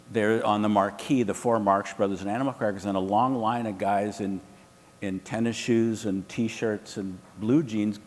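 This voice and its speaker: A man's voice: lowish voice, long reverb tail. A man telling an anecdote as a panelist at a live event, acting out the people he quotes. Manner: animated, quotes others in lively voices. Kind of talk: anecdotal storytelling. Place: hotel event room.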